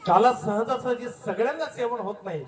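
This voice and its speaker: A man's voice: very high voice, a little fast. A man from Maharashtra preaching a devotional sermon, putting question after question to his listeners. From Maharashtra, India. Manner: preaching with rhetorical questions to the crowd. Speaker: kirtan preacher. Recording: echoey, distant mic with faint music.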